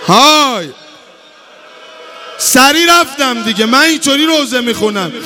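A man leading a religious mourning gathering, moving between quick spoken asides and slow sung lament lines and urging his listeners to weep. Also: very high-pitched, lively intonation, sharp tone.

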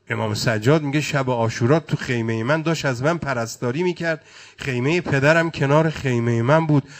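A man preaching a mourning sermon, reciting phrases in a chanting cadence. His delivery is impassioned, swelling and dropping with emotion. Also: medium pitch.

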